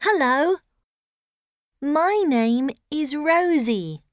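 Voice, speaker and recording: A woman's voice: high-pitched, animated, drawn-out words, dry recording, clean studio sound, voice pushed up, exaggerated voice. A woman voicing a cheerful young girl in a storybook read for learners, eager and sing-song. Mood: friendly.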